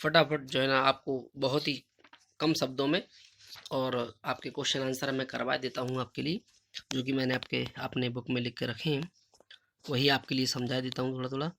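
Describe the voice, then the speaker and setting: A male teacher giving a recorded lesson, dictating answers slowly and deliberately word by word, with everyday explanations in between. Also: mid-range voice, little pitch movement, vocal fry, a bit bright, slight background noise. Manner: explains in everyday Hindi between recited lines. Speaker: Sanskrit teacher.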